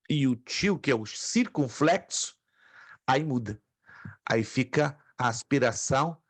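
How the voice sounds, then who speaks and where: A man's voice: a little high, no echo. A man teaching a Greek class from his home office, patiently repeating each pronunciation and joking lightly with students. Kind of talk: online lecture.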